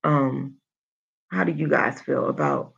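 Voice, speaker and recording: Woman, very creaky husky voice, motivational livestream coach, emphatic repetition, slightly dull audio. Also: a bass voice, takes it slowly. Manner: emphatic, repeats phrases for emphasis. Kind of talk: motivational livestream talk, reading and answering comments.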